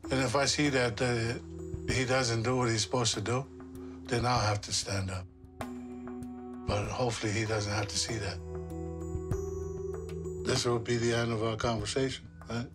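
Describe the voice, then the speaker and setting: A middle-aged man from the Pacific islands, speaking seriously and haltingly in an unscripted conversation, with measured pauses. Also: medium pitch, steady tone, music in the background. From Pacific islands, Samoa. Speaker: father-in-law, reality show participant. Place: small indoor room in a house.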